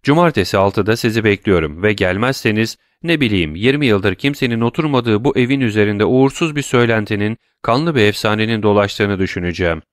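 A gracious, worldly count, read by a man in an audiobook, speaking in long, elaborate, courtly sentences. The voice is lowish and recorded dry and close. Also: expressive, fairly quick, hardly any pauses, no room sound, close to an everyday voice.

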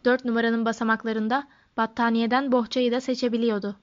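Woman audiobook narrator, steady and expressive, somewhat high voice, muffled lo-fi audio. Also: a little fast. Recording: dull lo-fi recording.

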